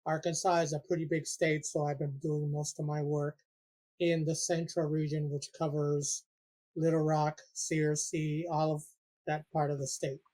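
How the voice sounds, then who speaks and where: A man from Puerto Rico, a support group facilitator, answering interview questions in an earnest, measured way. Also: a little high, little pitch movement, mellow.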